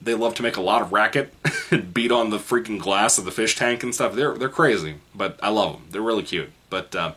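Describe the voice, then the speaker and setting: A man's voice: lowish voice, fairly quick, a bit bright, slightly rough. A man in his twenties, a channel host, casually answering viewer comments in a rambling, self-correcting way with frequent laughs. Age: 20s. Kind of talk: casual chat.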